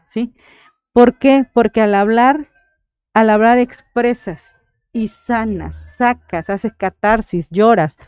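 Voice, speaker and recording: A woman's voice: medium pitch, clear, resonant tone, no echo. A Mexican woman, a thanatologist, giving earnest advice on a radio interview and often checking in with her listener. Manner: earnest, checks in with frequent "right?". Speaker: thanatologist guest.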